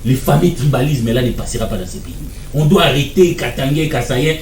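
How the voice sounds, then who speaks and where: A man from the Democratic Republic of the Congo argues insistently as a guest on a televised political debate, repeating his points over and over. His mid-range voice is brisk with a darkish tone, captured on a distant mic with a roomy sound and slight background noise.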